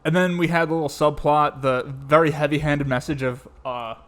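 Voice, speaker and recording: A man co-hosting a podcast, chatting casually about a movie, agreeable and quick to laugh. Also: on the high side, fairly even intonation. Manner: laughs often, agreeable, backchannels a lot. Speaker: podcast co-host reviewing a movie. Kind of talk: casual chat.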